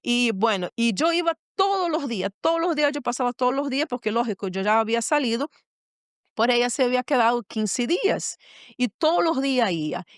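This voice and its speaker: A woman's voice: a little high, expressive, fairly quick, no room sound, clean studio sound. Earnest middle-aged woman telling a story. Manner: earnest, repeats phrases, acts out her own words. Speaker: guest, pastor and mother. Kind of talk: personal storytelling in a podcast conversation.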